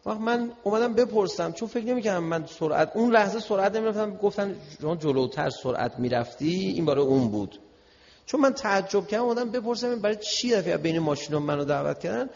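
A man preaching a sermon and telling a personal story in a lively way, at times acting out raised voices. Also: on the high side. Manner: lively storytelling, acts out shouting. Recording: dull sound with long hall reverb.

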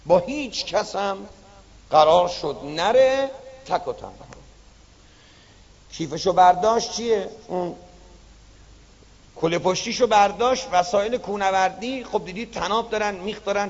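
A man's voice: sits high, long reverb tail. A male preacher telling a story in a sermon, dramatically drawing out repeated words. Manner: dramatic storytelling, drawn-out repetitions. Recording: dull lo-fi recording.

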